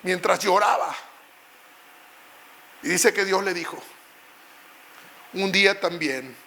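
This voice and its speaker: Male pastor, middle-aged, high bright voice, emotional storytelling sermon. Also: slight background noise.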